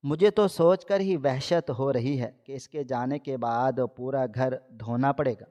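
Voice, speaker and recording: A man's voice: medium pitch, dark tone, natural voice. A man voicing a contemptuous sister-in-law, read in his own plain voice. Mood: disgusted. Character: spiteful sister-in-law, disgusted. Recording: dull lo-fi audio.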